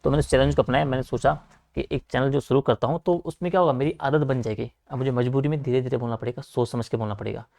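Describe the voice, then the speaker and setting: Gravelly young male coaching teacher. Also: medium pitch, fairly even intonation, a little mellow. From Uttarakhand, India. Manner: talks fast, repeats filler like "theek hai" and "aapka". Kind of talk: online lecture, informal asides to students.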